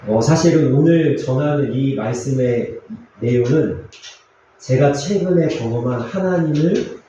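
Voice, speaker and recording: A man pastor preaching a sermon in a church, earnest and confessional, with pauses and fillers. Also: medium pitch, warm tone, heavy reverb, muffled recording, slight background noise. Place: church sanctuary.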